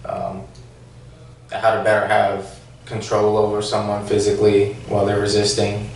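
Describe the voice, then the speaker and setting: Gravelly deep-voiced man, hesitant testimony. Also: monotone, moderate pace. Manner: hesitant, many fillers and restarts. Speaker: former police officer answering questions. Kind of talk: formal hearing testimony. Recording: echoey room, distant mic, faint noise.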